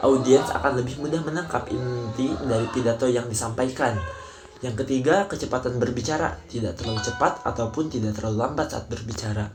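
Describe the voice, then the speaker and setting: A man's voice: mid-range voice, fairly quick, over music. A young man student presenting a training module, explaining numbered points in a casual tone. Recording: crowd noise in the background.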